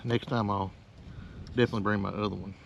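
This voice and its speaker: A man's voice: lowish voice, fairly even intonation, fast, vocal fry, muffled recording, slight background noise. A man, talking casually and rambling easily while camping, first outdoors on a mountain and then in the back of his truck. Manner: easygoing, rambling, plain-spoken. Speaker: camping vlogger. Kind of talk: casual talk to camera.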